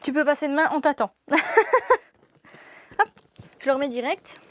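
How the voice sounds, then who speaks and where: A woman's voice: high voice, steady tone, normal speed. A young woman presenting products in a shop during a live stream, gushing and laughing often.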